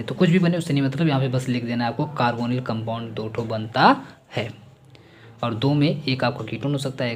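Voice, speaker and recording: A man's voice: medium pitch, a little hiss or hum. Man teaching chemistry in a lecture. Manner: chatty, repeats key points, Hindi mixed with English terms. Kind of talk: exam-focused classroom lecture.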